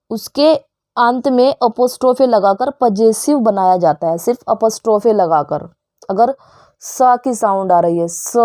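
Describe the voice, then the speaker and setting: A woman's voice: mid-range voice, warm tone, no room sound, studio quality. A woman teacher with an Indian English accent explaining English grammar in Hindi, often asking her students questions. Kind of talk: grammar lesson.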